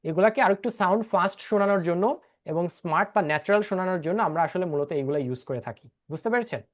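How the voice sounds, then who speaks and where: A man's voice: high-pitched, rapid-fire. A man teaching a spoken English lesson online, mixing English phrases into his talk and often checking that students follow. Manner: mixes English into talk, keeps checking "okay?". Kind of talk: online class lecture. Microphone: online class microphone.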